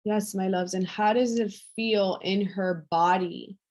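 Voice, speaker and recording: Woman, coaching call, gentle, lingering, repeats words, mid pitch, video call. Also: fairly even intonation, a little slow. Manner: soft, affectionate, lingering over repeated words. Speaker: women's empowerment coach. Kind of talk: guided group coaching call.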